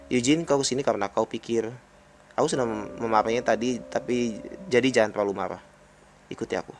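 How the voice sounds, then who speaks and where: An Indonesian-accented man reads out a visual novel's dialogue, interspersing casual comments. All the characters are voiced as himself, with a jump to high pitch on the excited lines.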